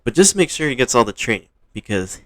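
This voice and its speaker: A man's voice: mid-range voice, very animated, brisk, fairly bright tone, dry recording. A man playing an earnest, competitive young male trainer in a fan-told story, speaking in a sincere, sometimes hesitant way.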